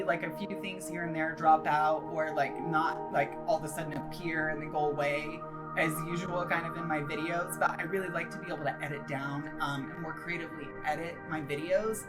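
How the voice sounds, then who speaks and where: A woman hosting a video channel, giving chatty, enthusiastic, emphatic voice-over commentary on a game build in a casual style. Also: fairly low pitch. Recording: music behind the voice. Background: music.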